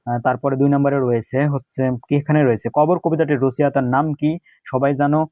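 A man's voice: medium pitch, steady tone, brisk, dark tone, no echo. A young man, running an exam-prep lesson, reading each question and repeating the answers. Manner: reads questions then answers, repeats key answers.

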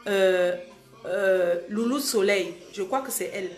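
A woman's voice: mid-range voice, takes it slowly, echoey room, soft background music. A young woman from Cameroon hosting a live stream, talking hard and repeating her warnings to the people watching. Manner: scolding, emphatic, repeats warnings. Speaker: social media live host. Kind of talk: heated live-stream monologue.

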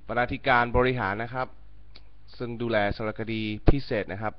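A young American man, a native English speaker, chatting casually in halting Thai with an American accent for a morning vlog. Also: on the low side. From United States. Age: young adult. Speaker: vlogger. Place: small room indoors. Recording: dull lo-fi webcam audio.

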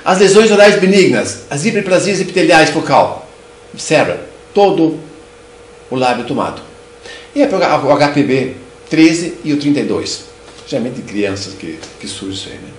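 A dental surgeon, an older man with a Brazilian Portuguese accent, gives a patient, explanatory clinical lecture on oral disease, frequently repeating and restarting words. His slightly high voice is expressive and moves at normal speed. The echoey room is lined with bookshelves, and faint hiss or hum is audible.

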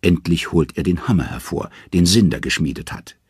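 A man reading a myth audiobook as narrator in a lively, expressive storytelling manner. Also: sits low, normal speed, husky, dry recording, studio quality. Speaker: audiobook reader.

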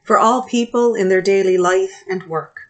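A middle-aged woman priest leading a morning prayer service from a small office, reading scripture and prayers in a measured, steady way into a webcam. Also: mid-range voice. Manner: measured, steady reading with pauses between phrases. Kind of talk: reading a liturgy aloud. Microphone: webcam at desk distance.

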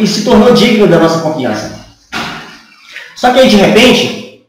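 High-pitched Brazilian man, echoey room. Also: far from the mic. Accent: Brazilian Portuguese. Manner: rhetorical, sarcastic, asks many questions. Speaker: channel host. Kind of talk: political opinion monologue. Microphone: camera from a few feet away. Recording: echoey room, voice a bit off-mic.

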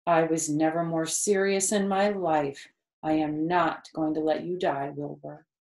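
A woman voicing a calm, motherly female spider in a children's storybook, reassuring, collected and gently instructive. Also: low-pitched, a little slow. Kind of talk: read-aloud children's storybook. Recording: roomy, echoey indoor sound.

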